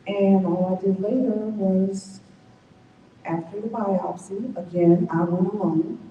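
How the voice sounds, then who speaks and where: A woman's voice: medium pitch, fairly even intonation, takes it slowly, reverberant, recorded from a distance, narrow, tinny audio, a little hiss or hum. A woman telling her own cancer survival story at a community forum, reflective and correcting herself as she goes. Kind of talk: personal testimony at a forum.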